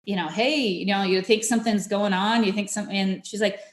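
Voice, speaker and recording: A woman's voice: mid-range voice, steady tone, brisk, roomy sound. A woman guest on a podcast, telling her family's story in a casual, chatty way with many fillers. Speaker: podcast guest, mother of dyslexic children.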